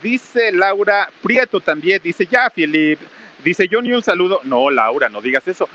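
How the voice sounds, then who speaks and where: A man's voice: high-pitched, very animated, measured pace, sharp tone, highs cut off. A man hosting a live stream outdoors under a small roof in heavy rain, reading out viewer greetings in a raised, casual voice. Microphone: camera mic with crew nearby.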